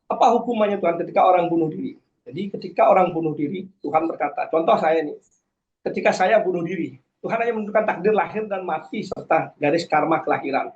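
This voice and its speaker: A man in a fairly high voice. He sounds earnest and a little preachy, pausing and hesitating often as he testifies. The recording is dull and lo-fi. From Karangasem, Bali. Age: 40s. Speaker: guest.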